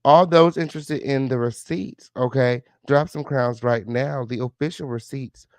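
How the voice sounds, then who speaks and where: A man's voice: mid-range voice, moderate pace, a little mellow, no echo. Male gossip stream host, dry close sound, smug sarcastic exposé tone, sassy repeated catchphrases. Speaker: livestream host reacting to clips. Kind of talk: casual gossip livestream commentary.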